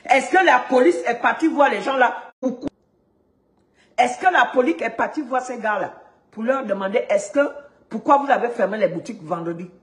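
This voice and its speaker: A woman's voice: on the high side, moderate pace. A woman from Gabon delivering a heated, indignant rant, repeating words when she gets stuck. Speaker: activist vlogger. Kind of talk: heated ranting monologue. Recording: echoey room.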